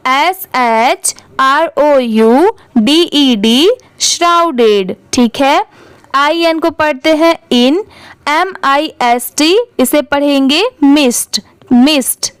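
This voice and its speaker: A woman's voice: high-pitched, no echo. A woman with an Indian accent, an English teacher giving a reading lesson, spelling words out letter by letter and asking the viewer questions.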